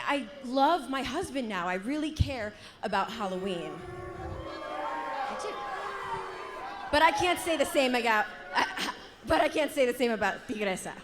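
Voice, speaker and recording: A woman playing a confrontational female wrestler, delivering a theatrical, emphatic promo speech. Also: high voice. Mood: tender, hesitant, then challenging. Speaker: pro wrestler.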